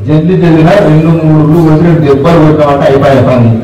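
On an open-air stage, a man plays an impatient, careless young coal miner in a colloquial play, grumbling and speaking in a hasty, quick, steady way. His voice is fairly high, mellow, and natural, and the distant camera catches him with an echoey, far-off sound.

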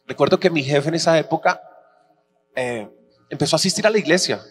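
A man preaching a sermon as pastor, telling personal stories animatedly and acting out the dialogue with shifting pitch. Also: fairly quick. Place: church auditorium. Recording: reverberant church hall with faint hum.

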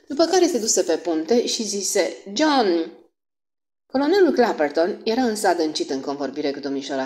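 Woman audiobook narrator, low and lively, expressive. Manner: expressive, voicing each character.

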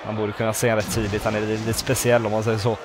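Against a noisy background, this man talks in a voice on the low side as he plays a game. He thinks out loud and quietly counts to himself while building, then erupts into loud, excited exclamations, a classic let's play gamer.

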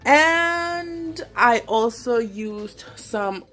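A woman's voice: on the high side, expressive, drawn-out words, fairly bright tone, faint music behind. Bilingual young woman chatting while cooking. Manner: switches between English and Spanish mid-sentence. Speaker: home cooking vlogger. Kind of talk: casual cooking vlog chat. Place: home kitchen, indoors. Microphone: handheld phone camera.

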